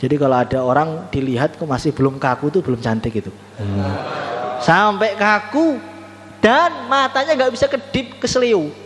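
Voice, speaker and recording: A man preaching a storytelling sermon at a mosque gathering, with drawn-out pious exclamations and teasing asides to the audience. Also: on the high side, animated, a bit bright. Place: mosque gathering after evening prayer. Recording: reverberant hall with faint background hum.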